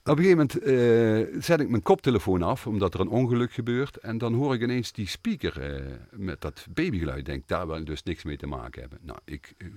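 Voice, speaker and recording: A man speaks as an interview guest, earnest and hesitant as he tells his stories. His voice sits low, yet his pitch swings widely whenever something moves him. The sound is dry and close. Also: no room sound. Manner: animated, earnest storytelling with many hesitations. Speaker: guest, theatre maker and composer. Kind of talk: conversational interview.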